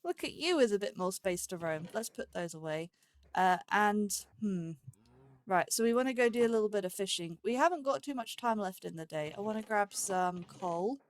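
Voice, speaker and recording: Speaking at a normal speed with lively intonation and a medium pitch, this woman's voice has no echo. As a let's play host, she chats casually, thinks aloud, and talks to the creatures she meets in the game.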